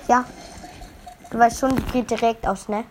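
A woman's voice: on the high side, steady tone, moderate pace, a little mellow, slight background noise, poor audio. Bossy young woman commentating a game. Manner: teasing, bossy, calls out orders. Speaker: gaming video host. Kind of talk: casual gameplay commentary.

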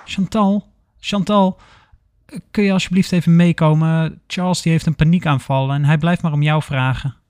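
A man voicing a hurried female nurse who calls out urgently for help. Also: fairly high pitch, fairly even intonation, a little mellow, clean tone, dry recording, clean studio sound, voice pushed up, close to an everyday voice. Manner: urgent, calling out.

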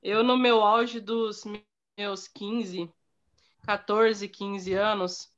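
A woman guest on a casual podcast chat, sharing relaxed anecdotes. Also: mid-range voice, extremely slow. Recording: dull lo-fi audio.

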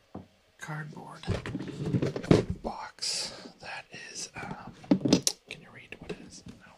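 A man whispering an ASMR video, playful and chatty with the viewer as he taps on objects. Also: slow pace. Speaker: ASMR creator.

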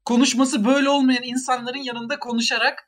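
High-voiced young man reading questions aloud. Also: level tone, fast talker, a crowd in the background. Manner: self-mocking, stumbles over words when reading. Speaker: podcast co-host reading listener questions. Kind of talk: casual podcast chat.

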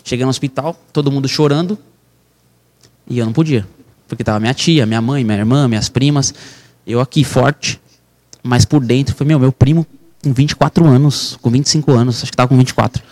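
A man's voice: mid-range voice, brisk, a little mellow. A man, a real estate broker guesting on a podcast, telling an emotional personal story with intense, fervent delivery. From Brazil. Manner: intense, fervent, calls listener "irmão".

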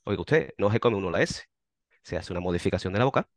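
A man with a western Andalusian accent explains things in a calm, teaching manner, now and then poking fun at himself. His voice sits low. The sound is dry, with almost no room on it. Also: quick pace, no room sound. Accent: western Andalusian Spanish. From western Andalusia, Spain. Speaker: interview guest, member of a volunteer group. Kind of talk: explanatory interview answers.

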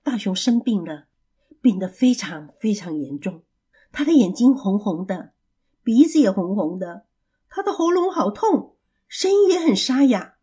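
Animated woman telling a children's story. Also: medium pitch, measured pace, slightly rough. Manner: expressive, animated.

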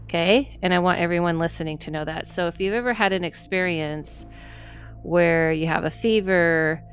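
Chatty woman podcast host, low voice. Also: moderate pace, soft background music. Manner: chatty, affirming, laughs often. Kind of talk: casual interview chat.

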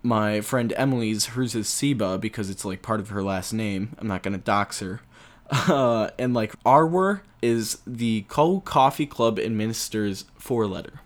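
A man's voice: fairly low pitch, lively intonation, a little slow. A young man hosting a casual solo podcast, rambling with frequent chuckles and filler words. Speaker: podcast host.

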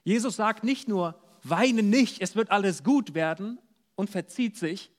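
A man preaching an earnest sermon at a church service, dropping soft and low for words of comfort. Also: measured pace. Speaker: pastor.

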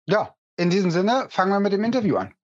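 A man co-hosting a podcast, his somewhat high voice coming through a dull, lo-fi and dry recording. He speaks hesitantly, with many fillers. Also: sing-song, fast talker, no echo. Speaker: podcast co-host. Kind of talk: casual podcast chat.

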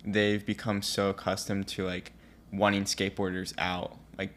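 A man's voice: low-pitched, monotone, normal speed, fairly bright tone. A young man hosting a podcast, chatting in an easygoing way. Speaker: podcast host. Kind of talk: casual chat.

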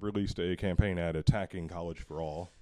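A man's voice: deep voice, steady tone, brisk, crowd noise. A man ranting heatedly about politics in casual chat, swearing often.

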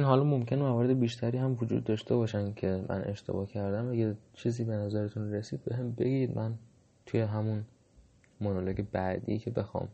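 A man's voice: on the low side, gravelly, dark tone, breathy edge, dull audio. A man giving a casual, reflective monologue, hesitant and full of fillers. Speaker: monologue host.

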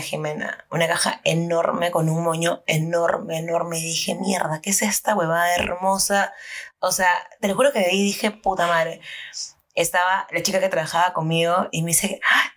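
A woman, telling a story in casual chat and swearing freely. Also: on the low side. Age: 30s.

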